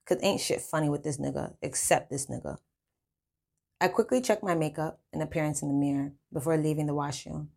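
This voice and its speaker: A woman narrating her own story in the first person, casual and full of slang. Her voice is low with a gravelly, creaky texture. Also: a little fast, darkish tone.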